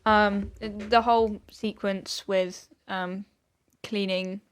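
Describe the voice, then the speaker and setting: Female co-host, middle pitch, chatty and laughing, casual film talk. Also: flat delivery, takes it slowly, smooth. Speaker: podcast co-host.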